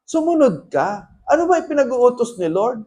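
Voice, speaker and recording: A man from the Philippines, a pastor preaching a sermon and telling animated stories with English phrases mixed in. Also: very high-pitched, moderate pace.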